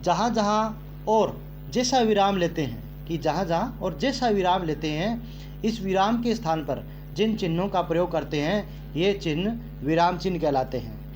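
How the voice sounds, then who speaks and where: A man teaching a grammar lesson to children, speaking slowly and repeating phrases for emphasis. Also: sits high, background noise. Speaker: Hindi teacher.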